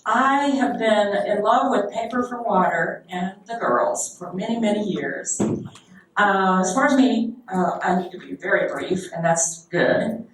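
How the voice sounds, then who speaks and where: An older woman from Texas introducing herself on a panel, warm and a bit rambling. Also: mid-range voice, measured pace, slight background noise. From Texas, USA. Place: large event hall. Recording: echoey hall, distant mic.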